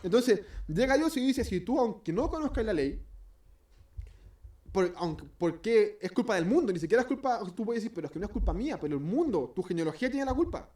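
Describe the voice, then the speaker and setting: A man's voice: high voice, very animated, fairly quick, darkish tone, far from the mic. A man with a Chilean accent preaching an informal sermon in a church, rambling and hesitant with many restarts, and joking as he acts out little scenes. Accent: Chilean Spanish.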